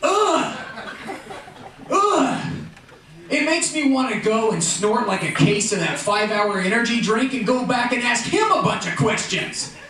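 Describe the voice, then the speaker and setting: A middle-aged man doing a stand-up comedy routine at a live venue, animated and acting out characters in quick voices. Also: extremely high pitch. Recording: echoey distant live room mic with noise. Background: audience laughter.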